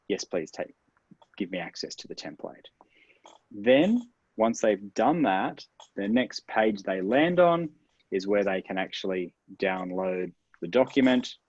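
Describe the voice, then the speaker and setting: A man's voice: fairly low pitch, a little mellow, slightly rough, no room sound. A man answering interview questions as a marketing expert, explaining step by step in an upbeat way and stressing key words. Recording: dull, dry lo-fi sound.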